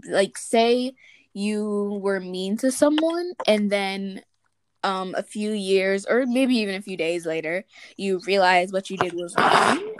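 A woman's voice: mid-range voice, a little hiss or hum. A young woman co-hosting a casual chat podcast, speaking earnestly and reflectively, speeding up when she makes a point. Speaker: podcast co-host.

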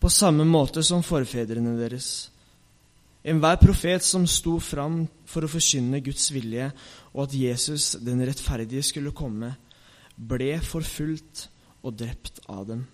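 A man's voice: mid-range voice, darkish tone, lightly acted. A man reading Stephen, solemn bold preacher. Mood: solemn rebuke. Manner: solemn, rebuking oration. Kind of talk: reading a scripture speech.

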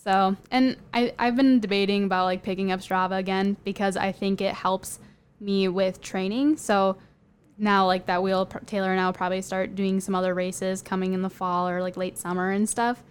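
A woman's voice: mid-range voice, level tone, normal speed, clear, resonant tone. A young woman guest in a casual podcast chat, talking openly with many fillers. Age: young adult. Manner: chatty, many "like" fillers, light laughs.

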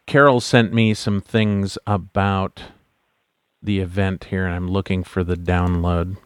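A man hosting a podcast interview, talking in a relaxed, halting way. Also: deep voice, clear, resonant tone, no room sound, studio quality. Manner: relaxed, halting, lots of fillers. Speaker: podcast host. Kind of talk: casual interview chat.

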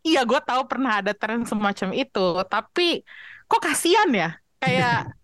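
A woman hosting a casual film chat, expressive and chatty, slipping English phrases in. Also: on the high side, a little slow, no room sound. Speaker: podcast host asking questions.

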